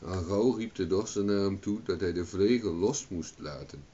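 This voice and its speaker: A man's voice: sits low, moderate pace. Guy storyteller reading a fairy tale, acts out the bits, kinda muffled recording. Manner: lively, acts out the characters' lines. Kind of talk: reading a folk tale aloud. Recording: dull lo-fi recording.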